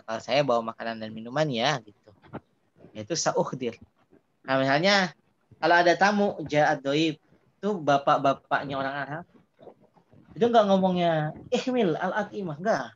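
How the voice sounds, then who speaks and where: A man teaching an Arabic dialogue lesson in a relaxed, chatty way, often ending phrases with casual fillers. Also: a little high, normal speed, pauses often. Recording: muffled lo-fi sound with faint background hiss.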